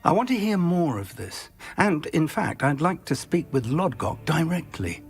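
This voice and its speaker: Over soft background music, a man with a slightly high voice acts a video game cutscene at normal speed, his pitch swinging widely. He plays a wry, kindly, scholarly professor whose formal speech sounds thoughtful yet urgent.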